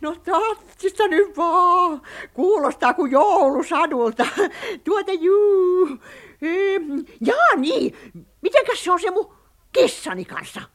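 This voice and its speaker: A woman's voice: very high voice, big pitch swings. A giddy ancient witch. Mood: proud. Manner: giddy, boastful, bossy. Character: excitable centuries-old female witch who dotes on her cat. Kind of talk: children's radio play acting.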